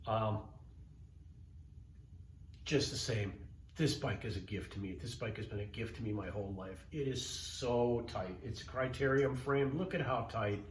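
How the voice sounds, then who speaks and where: A man's voice: lowish voice, unhurried. A man in his fifties hosting a casual vlog to camera, rambling and correcting himself as he talks enthusiastically in an indoor workspace. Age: 50s. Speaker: channel host. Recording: roomy echo, faint background hiss.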